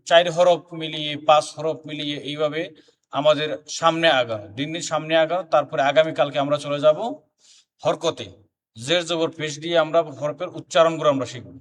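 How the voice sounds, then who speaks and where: A man's voice: on the high side, fairly bright tone, far from the mic. A man teaching a beginner Quran reading class, chanting letter names one by one and explaining the letter forms. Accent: Bangladeshi Bengali.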